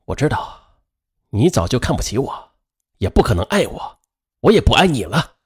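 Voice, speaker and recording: A man's voice: mid-range voice, sing-song, normal speed, breathy edge. A man voicing an adult divorced father, anxious and downtrodden, stammering and pleading in a dramatized radio story.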